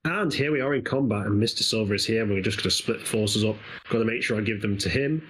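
A man's voice: fairly low pitch, fast talker, fairly bright tone, breathy edge, low-quality recording. An English man with an East Midlands accent, chatting casually and rambling while commentating a co-op game, laughing often. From England. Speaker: gaming channel host.

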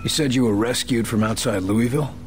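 An actor playing a stern, hard-bitten field agent in a video game, terse and commanding. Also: male voice, medium pitch, brisk, slight background noise, lightly acted. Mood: guarded, weary. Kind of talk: video game cutscene acting.

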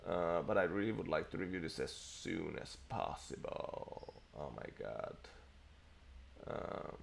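The man's low, gravelly voice is very animated yet unhurried, with a little hiss or hum in the audio. An Italian in his thirties, he rambles casually with lots of fillers on a tech livestream from a bookshelf-lined home study, speaking into an earphone headset mic on webcam.

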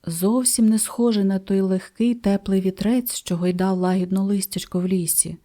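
A woman narrating a fairy tale audiobook for children in a gentle, expressive way. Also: medium pitch. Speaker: storyteller.

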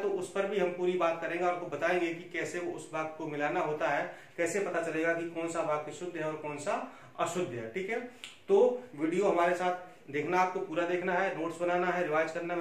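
A man teaching Hindi spelling in a lecture, coaxing students and checking in with "okay" after nearly every point. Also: a little high. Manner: repeats "theek hai" constantly, coaxing and instructive. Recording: very echoey room, distant mic, faint hiss.

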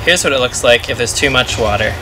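A man's voice: mid-range voice, fast talker, background noise. A young man, a farm educator, walking through planting steps in a playful, upbeat teaching manner. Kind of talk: instructional demonstration.

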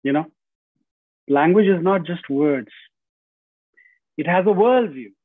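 An earnest home lecture from a middle-aged guest speaker with an Indian accent comes over a video call, picked up by his earbuds. His fairly high voice is animated and carries a breathy edge, and he takes things slowly, often saying "you know" and starting phrases over. The video call recording is dry and tinny.

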